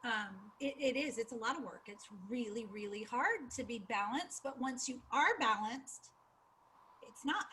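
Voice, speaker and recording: Woman guest, reflective and emphatic, bright tone. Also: fairly high pitch, animated, a little slow, a little hiss or hum. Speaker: podcast guest. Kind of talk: casual conversational interview.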